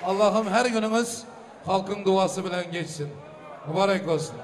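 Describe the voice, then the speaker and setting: A man working as a booming wedding announcer, hosting live and ceremoniously calling out blessings and requests for applause. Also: normal speed. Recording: live hall with crowd noise. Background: crowd and ambient noise.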